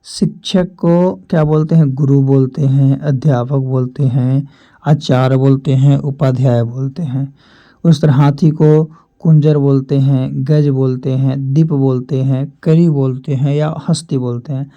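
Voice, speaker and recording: A man teaching Hindi grammar for exams, slowly reading out lists of synonyms and asking and answering his own questions. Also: mid-range voice, steady tone, warm tone, highs cut off. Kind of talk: exam-prep lesson, reading word lists.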